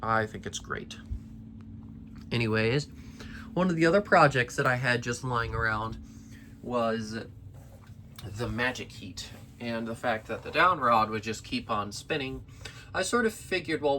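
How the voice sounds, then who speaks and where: Speaking from the basement room where he keeps his ceiling fans, this young collector rambles eagerly through a casual vlog update with frequent restarts. His tired, somewhat worn voice sits at medium pitch, pushed and bright, with a little hiss or hum audible.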